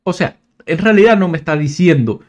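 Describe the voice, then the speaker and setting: A man giving a casual, screen-recorded software tutorial, thinking aloud and often restarting his words. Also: on the high side, lively intonation, brisk. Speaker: tech tutorial presenter.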